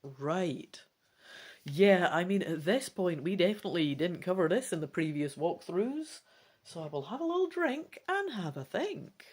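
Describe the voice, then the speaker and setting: A woman presents a gamebook playthrough, moving between theatrical dramatic reading and chatty, casual commentary. Her voice is low, animated and slightly rough, with a darkish tone and a measured pace.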